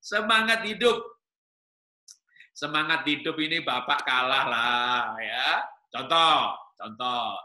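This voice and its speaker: A man preaches a humorous sermon to married couples, teasing his listeners with jokes and questions. His voice is a little high and sharp, he speaks slowly with frequent pauses, and the room sounds echoey.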